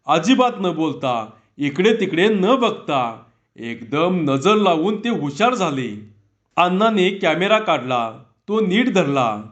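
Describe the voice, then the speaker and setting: A man narrating a humorous story in a measured, descriptive way. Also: on the high side. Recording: dull lo-fi recording.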